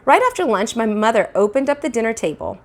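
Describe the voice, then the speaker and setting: A woman in her thirties reads a children's book aloud like a teacher sharing a class book, animated and acting out the dialogue. Her voice runs on the high side at a quick pace, picked up by a clip-on lapel mic in a small room at home.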